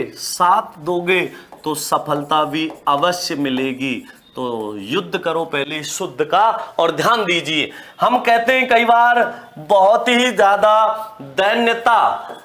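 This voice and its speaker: A man's voice: fairly high pitch, a bit bright. A man teaching a grammar lesson, who keeps repeating the key words and asks questions that he then answers himself, speaking straight to his students. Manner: directly addresses students as brothers and sisters.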